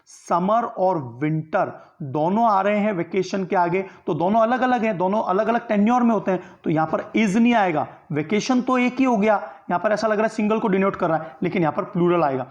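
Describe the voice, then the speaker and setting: A man's voice: high-pitched, moderate pace, hardly any pauses, dull audio. A man teaching a grammar lesson for exam preparation, explaining step by step and often answering his own questions. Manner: tag questions that seek agreement from listeners. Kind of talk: online exam-prep lecture.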